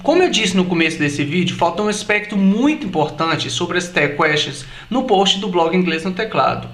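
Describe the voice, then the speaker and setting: A man teaching an English grammar lesson, explaining patiently and slowing down to say example phrases. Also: high voice, expressive, fairly bright tone, roomy sound, faint music behind.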